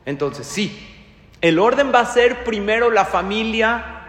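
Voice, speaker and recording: Brief: Mexican rabbi, high-pitched, lively sermon, long hall reverb. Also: male voice, measured pace. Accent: Mexican Spanish. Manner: animated storytelling, rhetorical questions. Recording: echoey hall with faint noise.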